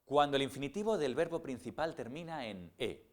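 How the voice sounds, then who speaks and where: A man explaining grammar rules step by step in a scripted lesson narration, with slow, spelled-out example words. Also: mid-range voice, expressive. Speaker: grammar teacher.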